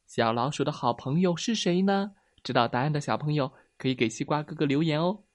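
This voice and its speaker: A man narrating a children's bedtime story in a gentle, sing-song way. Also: a little high, fairly quick, no room sound.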